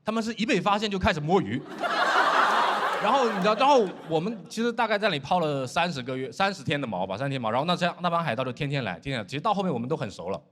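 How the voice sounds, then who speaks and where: A man from Fujian performing a stand-up comedy set on stage, telling stories in an animated way and mimicking his shipmates in dry, flat asides. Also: on the high side, fast, a little hiss or hum. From Fujian, China. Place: comedy stage before a laughing audience.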